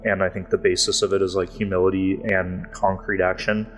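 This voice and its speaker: A man's voice: deep voice, little pitch movement, a little fast, a bit bright, faint music behind. A man talking casually as a podcast guest, rambling and filling his speech with "like". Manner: rambling, heavy use of "like" fillers. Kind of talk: casual interview talk.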